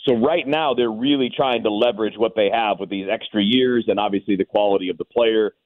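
A man's voice: lowish voice, a little fast, dry recording. A man talking sports casually and informally as a radio guest, heard over a phone line. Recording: tinny, narrow phone line.

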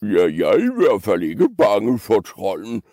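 A man's voice: lowish voice, big pitch swings, mellow, no echo, clean studio sound. A man voicing a big proud billy goat who grumbles. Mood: boastful.

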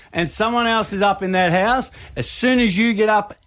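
A man's voice: sits high, a little slow, a bit bright, faint music behind. An Australian man hosting a radio show, talking in a boisterous, emphatic way in casual studio banter. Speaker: radio host.

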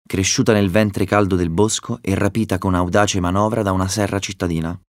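A man's voice: low-pitched, fairly even intonation, fairly quick, no echo, studio quality, lightly acted. A man voicing the wind as a proud, rambling father figure, reading a storybook.

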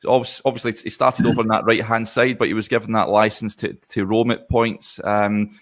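A man's voice: on the low side, level tone, fairly quick. A man co-hosting a casual football discussion, brief and a little hesitant. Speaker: football podcast co-host.

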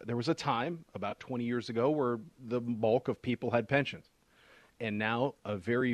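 A man's voice: lowish voice, dry recording. A man giving a conversational explanation as a financial adviser on a radio show, using rhetorical questions and repetition for emphasis.

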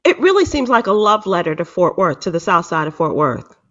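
A woman co-hosting a radio interview, eager and quick with stammering restarts. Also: lowish voice, sing-song, a bit bright, muffled recording. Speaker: radio co-host.

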